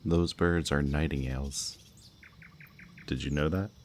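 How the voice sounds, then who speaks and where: A man voices a smug, very deep-voiced villain, a kidnapper with powers who is flirtatious and falsely romantic, in an intimate roleplay audio drama monologue to the listener. His steady tone is wistful and coaxing, teasing, unhurried and softly menacing. There's slight hiss or hum over outdoor night ambience of birdsong and crickets.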